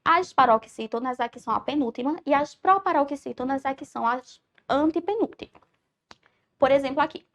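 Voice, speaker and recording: Brief: Brazilian woman teacher, high voice with a gravelly fry, patient explaining tone. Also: brisk, fairly bright tone. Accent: Brazilian Portuguese. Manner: clear explanatory delivery, checks with "certo?". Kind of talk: recorded grammar lesson.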